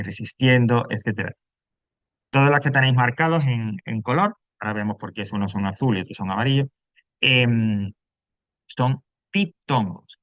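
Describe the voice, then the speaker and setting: A man's voice: mid-range voice, a bit bright, no echo. Andalusian man as a class teacher, patient explainer who keeps checking the students follow; dull, dry sound. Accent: Andalusian Spanish. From Andalusia, Spain.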